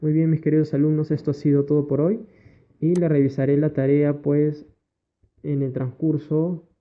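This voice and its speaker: Peruvian teacher over tinny audio. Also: male voice, on the high side, little pitch movement, moderate pace. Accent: Peruvian Spanish. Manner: patient, explains step by step, constant "¿ya?" checks. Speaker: primary school teacher. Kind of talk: recorded online lesson over slides.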